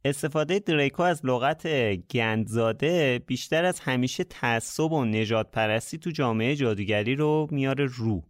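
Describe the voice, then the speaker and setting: A man's voice: medium pitch, few pauses, dry recording, faint music behind. Man explaining a book, dry sound. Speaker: podcast host. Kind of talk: book discussion.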